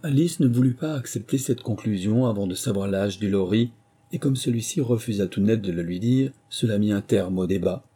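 A man narrating a storybook with a measured, expressive reading. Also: fairly low pitch, husky. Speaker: audiobook narrator.

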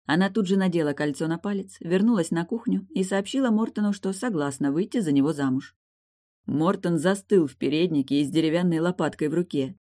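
Even audiobook narrator, dry close sound. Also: mid-range voice, brisk, dry recording. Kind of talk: scripted narration.

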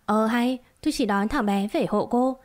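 A woman's voice: on the high side, normal speed, natural voice. A woman voicing a brash young man who retorts and teases, in a storybook reading. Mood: retorting. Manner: retorting, teasing. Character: brash young man, teasing adoptive father.

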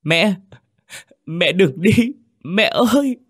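A man's voice: on the low side, animated, moderate pace. A man voicing a grieving middle-aged son who pleads tearfully in a trembling voice. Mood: crying out. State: crying.

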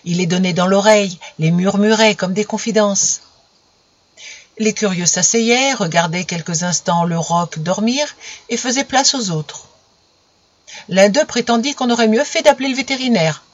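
Woman narrator, audiobook reading, steady storytelling, muffled lo-fi sound. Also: mid-range voice, normal speed, dry recording. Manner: steady storytelling with small slips. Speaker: reader. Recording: dull lo-fi recording.

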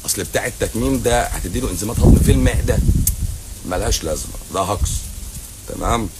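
A middle-aged man with an Egyptian Arabic accent, working as a doctor, answers livestream viewers quickly in a voice on the low side. The casual Q&A comes from a hotel lobby at night over background noise, and his tone is blunt, teasing, and sarcastic.

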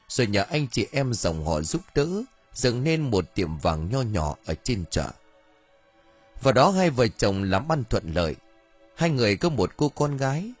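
A man reading a story aloud as narrator, in an expressive, dramatic audiobook style. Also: lowish voice, breathy edge. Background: faint music.

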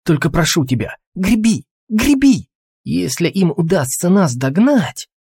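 An earnest young adventurer, voiced high and excited by a man reading aloud. His husky tone stays dry and close. He sounds impulsive and stubborn. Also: moderate pace, no room sound, heavily acted. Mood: eager.

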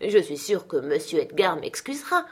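A woman's voice: on the low side, sing-song, normal speed, slightly rough. A woman reading aloud, voicing a dutiful but stubborn housekeeper who speaks firmly. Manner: firm and indignant.

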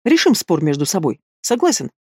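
Booming feathered male demon, rowdy and teasing, dry close read by an audiobook reader. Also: big pitch swings, a little fast, darkish tone, slightly rough, dry recording. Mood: boastful. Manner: booming, roaring with laughter. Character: loud brash winged male demon, boisterous, teasing. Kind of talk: audiobook character voice.

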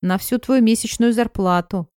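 A woman voices a defensive, emotional friend, sounding tearful and self-justifying in a lightly acted performance pitched above her own voice. The tone is high-ish, moderately paced, a little mellow, clear and resonant, in a dry, studio-quality recording.

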